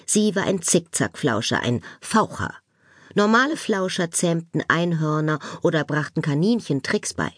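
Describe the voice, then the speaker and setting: A woman narrates a children's audiobook with playful, expressive delivery. Her voice is low and husky, swinging widely in pitch, recorded dry and close on a studio mic. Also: normal speed, no echo.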